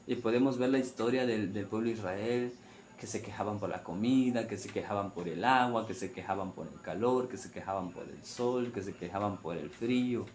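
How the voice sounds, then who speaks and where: A man's voice: on the low side, a little mellow, a little hiss or hum. A man preaching a sermon on the weekly Torah portion, repeating phrases and asking rhetorical questions.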